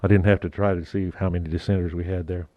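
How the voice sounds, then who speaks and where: A low-voiced man runs a council meeting as mayor, his words muffled through a face mask. He stops and restarts with plenty of fillers and slips in a light joke now and then. The sound is dull and dry, with no room around it. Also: flat delivery, quick pace, no room sound. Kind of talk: chairing a city council meeting.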